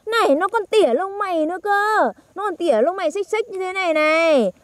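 High-pitched teasing young woman. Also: animated, fairly quick, no echo. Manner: teasing, chatty, exclaiming. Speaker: teasing granddaughter in skit. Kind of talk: comedy skit acting.

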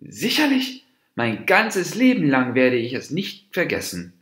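Brief: a man playing a furious, stubborn storybook mouse deer, snappish and firm, lively pitch, echoey room. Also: unhurried. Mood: angry. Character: wrathful stubborn male mouse deer, fable hero. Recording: roomy echo.

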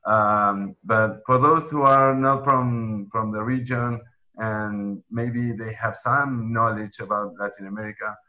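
A young Argentine man with an Argentine Spanish accent moderates a webinar panel over a video call from a room at home, using headset earphones. His voice sits on the low side with fairly even intonation and a slow pace, and he sounds hesitant, full of ums and restarts. The audio is lo-fi.

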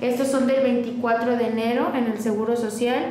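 Woman interviewer, pretty high voice, quick friendly questions, echoey office. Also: fairly even intonation, a little mellow. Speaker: interviewer at a clinic. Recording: echoey small room, faint noise.

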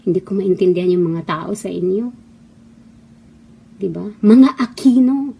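A middle-aged Filipina, once an actress and now abroad, gives a fiery, scolding monologue of opinions laced with mocking rhetorical questions. Her mid-range voice is warm and husky with vocal fry, and she keeps a measured pace.

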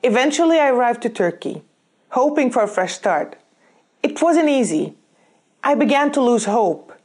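Woman, from Syria, graduation speech, earnest, measured, fairly high voice. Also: very animated, darkish tone. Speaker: graduate speaker. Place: plain indoor backdrop, in cap and gown.

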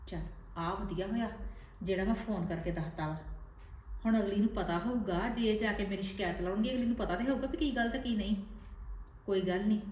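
A woman's voice: medium pitch, fairly quick, a little mellow. A woman with a Punjabi accent in a scripted family drama, chatty on the phone, aggrieved and defensive. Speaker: wife in a family web drama. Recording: echoey room with faint background noise.

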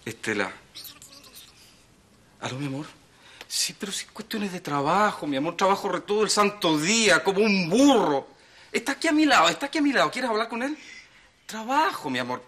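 Telenovela: a bright-voiced, wheedling husband. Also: male voice, on the high side, very animated, moderate pace, pauses often, exaggerated voice. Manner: wheedling, evasive on the phone. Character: smooth-talking, cheating middle-aged husband. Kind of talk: telenovela acting.

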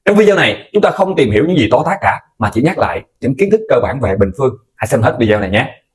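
A man explaining a math lesson to viewers in a lively, coaxing way, speaking to them directly. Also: medium pitch, fast talker. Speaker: math teacher.

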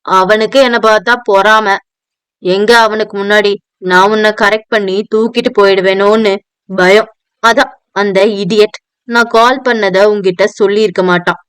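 A woman's voice: mid-range voice, fairly even intonation, moderate pace, fairly bright tone, smooth, dry recording, natural voice. A woman voicing a drunk, arrogant young man who is possessive and self-pitying, in an audio novel. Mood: scornful. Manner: slurred, bossy, self-pitying. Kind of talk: audio novel dialogue reading.

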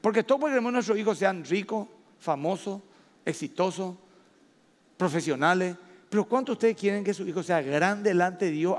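A man with a Paraguayan Spanish accent preaching a sermon as pastor, stressing words slowly and rising loud at his high points. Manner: emphatic preaching with slow drawn-out stresses and sudden loud rises. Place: church hall. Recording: long reverb of a church hall.

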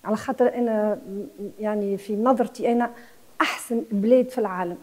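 A woman's voice: mid-range voice, fairly even intonation, quick pace, a little mellow. A Tunisian woman in her sixties who runs a guesthouse, speaking with passion as a TV interview guest and mixing in French words. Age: 60s. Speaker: guesthouse owner.

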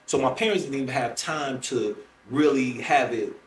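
At a moderate pace and medium pitch, a middle-aged American comedian from Chicago shares anecdotes conversationally as a podcast guest, replaying dialogue. A roomy, distant mic with faint noise captures him.

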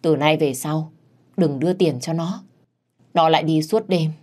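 A woman voicing a scheming old village mother-in-law who wails and scolds in a shrill voice. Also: unhurried, a little mellow. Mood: coaxing.

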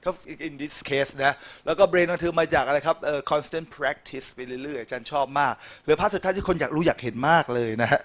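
A middle-aged man who teaches English, running a lively score review with a student in front of a class. He teases, praises and calls for applause while slipping between Thai and English, his voice sitting a little high. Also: fairly quick, few pauses. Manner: animated, teasing, praising, addresses audience.

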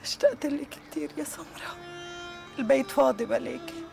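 An actress playing a worried, loving aunt. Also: female voice, sits high, brisk, creaky, over music. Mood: anxious. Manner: pleading, anxious. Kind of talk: TV drama acting.

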